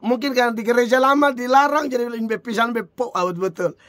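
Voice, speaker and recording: Man, preacher, informal sermon, high voice, dry recording. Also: fairly quick, no echo. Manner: rhetorical questions, chuckling, lively.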